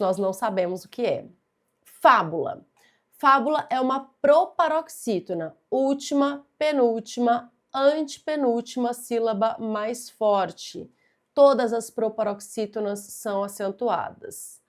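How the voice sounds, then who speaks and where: A young adult woman teaching a grammar lesson, patient and methodical, stressing key words and speaking straight to the student. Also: mid-range voice. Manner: talks directly to the student. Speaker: Portuguese teacher. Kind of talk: exam-prep grammar lesson.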